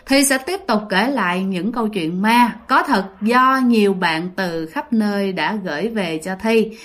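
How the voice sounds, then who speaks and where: A woman's voice: medium pitch, a little slow, fairly bright tone. A woman who tells ghost stories in a chatty, casual way and talks straight to her listeners. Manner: chatty, addresses listeners directly, many fillers. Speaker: ghost story narrator. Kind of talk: casual storytelling.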